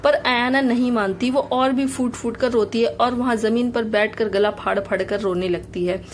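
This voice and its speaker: A woman narrating a romantic audio story in a brisk, lively way. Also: a little high, a little hiss or hum.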